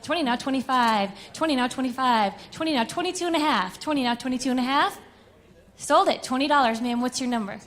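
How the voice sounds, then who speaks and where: A woman from Kansas City doing a rapid auctioneer chant, repeating bid numbers rhythmically. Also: high-pitched, lively intonation, a bit bright. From Kansas City, United States. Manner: rhythmic, repetitive bid calling. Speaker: auctioneer, contest competitor.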